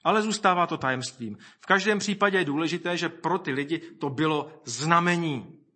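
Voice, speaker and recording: A man preaching a sermon, reflecting aloud, reading scripture and quoting people in lively voices. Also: on the high side.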